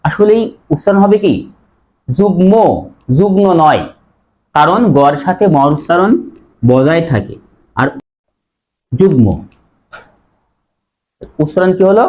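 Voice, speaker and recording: Man teaching pronunciation, slightly high voice. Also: animated, a little mellow. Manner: repeats words slowly and asks students questions. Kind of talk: pronunciation lesson.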